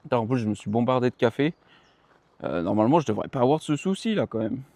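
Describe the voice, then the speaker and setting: A man's voice: medium pitch, expressive, fast talker, mellow, dry recording. Tired young guy rambling on his running vlog, slangy, keeps fixing his words, dry sound. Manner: rambling, self-correcting, slangy. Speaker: running vlogger. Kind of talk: casual vlog chat to the viewer. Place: outdoors.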